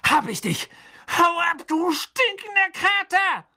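A man voicing a panicky teenage boy who shouts shrilly after his runaway pet rat in an audiobook. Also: sits high, big pitch swings, normal speed, breathy edge, pitched above the performer's own voice, heavily acted. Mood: shouting.

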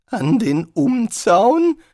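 A man voicing a high-strung, fearful wizard in an audiobook, with a strained, shrill voice. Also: very animated, normal speed, dry recording, clean studio sound, heavily acted. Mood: nervous.

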